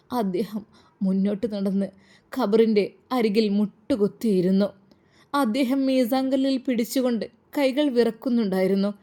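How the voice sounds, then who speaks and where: A woman storyteller with a Malappuram Malayalam accent reads a scripted religious tale. Her delivery is dramatic and mournful, and her voice sits somewhat high. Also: dark tone. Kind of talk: scripted emotional narration.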